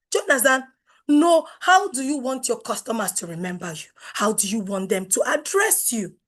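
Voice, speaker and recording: Having lost her voice, this middle-aged woman from Nigeria sounds hoarse as she gives an emphatic live webinar talk about branding. She fires off rhetorical questions, her loudness varies widely, and her voice is a little high.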